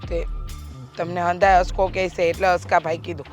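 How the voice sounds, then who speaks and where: A woman's voice: lowish voice, level tone, fairly quick, soft background music, close to an everyday voice. An actress playing a village woman accused of theft, who protests and pleads. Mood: pleading. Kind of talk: village family stage drama.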